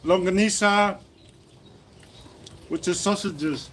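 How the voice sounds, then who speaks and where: A chatty New Zealand man with a high voice hosts a relaxed lunchtime livestream. He rambles easily, full of fillers and restarts. A faint hum of noise sits behind him. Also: slow pace. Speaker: livestream host. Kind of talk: casual livestream chat. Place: indoors at a lunch table in the Philippines.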